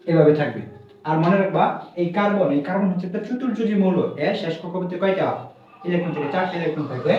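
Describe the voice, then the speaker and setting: A man's voice: high-pitched, slight background noise. A male chemistry teacher from Bangladesh speaking, giving a recorded lecture and answering his own questions. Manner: asks the students questions and answers them himself. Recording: very echoey room, distant mic, muffled sound.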